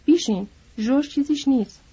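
A woman's voice: high-pitched, warm tone, highs cut off, natural voice. Woman reading as a bitter, lonely old stable hand. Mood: mournful. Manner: brooding, needling, then mournful.

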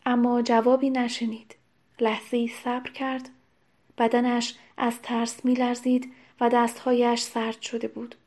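A woman narrating a novel as an audiobook, reading in a steady, measured way. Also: on the high side.

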